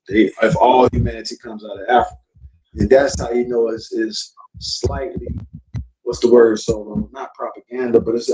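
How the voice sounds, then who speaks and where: A South Florida man hosts a casual talk-show podcast, lecturing loosely and swearing freely in a chatty way. His voice is mid-range and a little mellow. The mic is distant, with faint noise.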